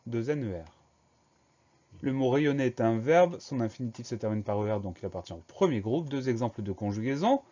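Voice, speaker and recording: A young man teaches a spelling lesson at a mid pitch, spelling each word out letter by letter. His delivery is slow and careful, like classroom dictation. The recording sounds somewhat dull and lo-fi. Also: warm tone.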